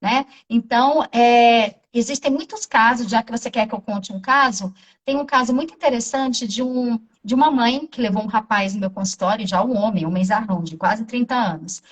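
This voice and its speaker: A woman with a Brazilian accent, speaking as a therapist in an interview and telling stories from her practice. Her voice sits a little high, and she is animated, acting out the voices in the dialogue as she tells it. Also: normal speed, recorded from a distance, poor audio. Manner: animated, acts out quoted dialogue. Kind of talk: interview storytelling.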